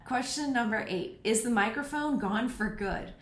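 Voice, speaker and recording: Her voice sits on the high side as this podcaster in her 30s works through listener questions at a moderate pace. She is casual, frank and candid, speaking bluntly about personal topics, and the solo recording has a roomy echo.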